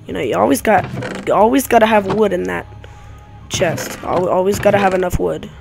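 A woman's voice: medium pitch, a little fast, gravelly, over music. A woman rambling through casual gameplay commentary with chatty asides to her viewers, recorded on a desk mic at home. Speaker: gaming YouTuber. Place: home room with dogs nearby. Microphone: desk mic near a clicky keyboard.

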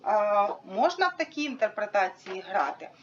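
A woman's voice: mid-range voice, big pitch swings, moderate pace, muffled recording, slight background noise. A woman explaining a teaching method to an audience in an informal, hesitant way, with many fillers, demonstrating with props. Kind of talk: informal instructional talk.

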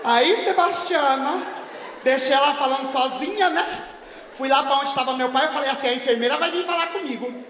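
Man doing a loud gossipy indignant woman. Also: very high-pitched, a little fast, a little hiss or hum. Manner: loud, gossipy, dramatic, shouting bursts. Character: brash indignant woman caring for her hospitalized father. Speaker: stand-up comedian. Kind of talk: stand-up character monologue. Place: theater stage at a live show. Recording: echoey hall, from far off.

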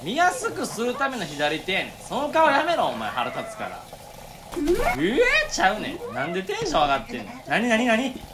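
A young man in his twenties with a Kansai accent, delivering comic voice-over commentary as the straight man. He fires off sharp, exasperated retorts. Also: high voice, wildly swooping pitch, normal speed, a loud crowd. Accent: Kansai Japanese. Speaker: comedian.

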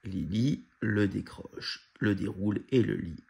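A man reads a children's adventure book aloud at an even, storytelling pace. His voice is low, gravelly and husky. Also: slow. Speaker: storybook reader.

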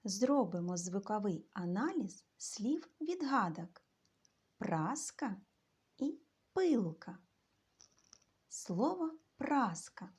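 A woman teaching a children's literacy lesson, speaking to young pupils in a slow, sing-song way. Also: medium pitch, big pitch swings, a little mellow, husky.

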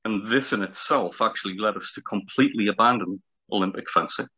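A man's voice: on the low side, a little fast, pushed and bright, breathy edge. A man of about fifty with a heavy Northumberland accent and long vowels, explaining things in an interview in a hesitant, word-searching way. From Northumberland, north-east England. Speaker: interview guest, historical fencing teacher. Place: small room at home, indoors. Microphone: video call, webcam distance. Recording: slightly dull video-call audio.

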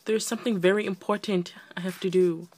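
A young woman vlogging about a phone game, gushing and breathless, repeating herself in excitement. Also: medium pitch, brisk. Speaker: mobile game player. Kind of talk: excited gaming vlog chatter.

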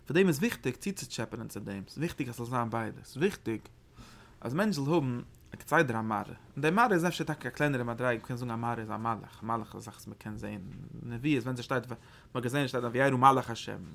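Teaching mystical texts as a Torah instructor, this man gropes for his words and circles back over the same phrases. His medium-pitched voice is a little bright and carries some vocal fry.

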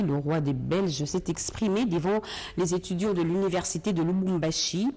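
A woman anchors the television news with a composed, formal delivery. Her voice is deep and mellow, read clearly from a studio desk. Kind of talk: scripted news presenting.

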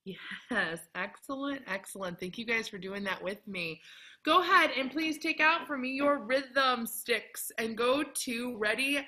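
A woman around thirty leads a children's music lesson from an empty classroom, using an animated, encouraging, sing-song kindergarten-teacher voice pitched on the high side. She speaks unhurriedly with exaggerated clarity for kids. Her computer mic sits at arm's length on a video call.

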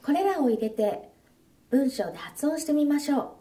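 A woman giving scripted instructional narration, repeating each phrase slowly and carefully for learners. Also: high voice, expressive, dark tone, recorded from a distance.

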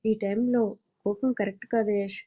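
A woman voicing a caring young mother who gently and persuasively scolds, in a slightly dull recording. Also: medium pitch, fairly even intonation, normal speed, close to an everyday voice.

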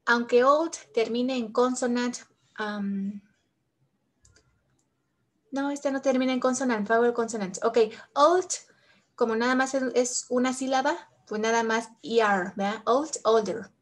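A woman's voice: on the high side, steady tone, a little slow. A woman teaching English grammar, patiently repeating each example in two languages. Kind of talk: bilingual grammar lesson.

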